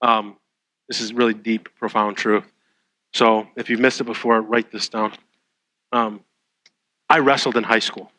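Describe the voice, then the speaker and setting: Young guy pastor preaching loose and chatty, bright forceful voice, cracks jokes on himself. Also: on the low side, flat delivery, unhurried, pauses often, no room sound, low-quality recording. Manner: casual, conversational preaching with fillers and self-deprecating humor. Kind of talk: sermon.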